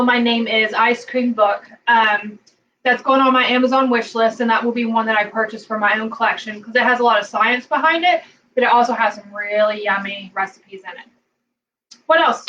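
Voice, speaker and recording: A chatty woman talks through a recipe in her home kitchen, rambling and full of fillers. Her voice sits a little high. She stands back from the mic, and the sound is slightly dull and lo-fi, with faint noise behind her. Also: normal speed, bright, forceful tone, recorded from a distance. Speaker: cooking vlogger. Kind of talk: casual cooking demo.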